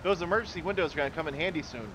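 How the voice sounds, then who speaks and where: A man's voice: a little high, racing, fairly bright tone, a little hiss or hum. A man playing a driving game with friends, teasing his buddy in running commentary. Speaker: co-op gaming friend. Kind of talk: casual gaming chat.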